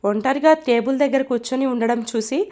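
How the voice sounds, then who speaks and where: A woman narrating a romance story in a scripted reading. She voices all the characters and tags each line with its speaker. Her voice sits high. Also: steady tone, fairly quick, a little mellow. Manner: reads dialogue with inline speaker tags.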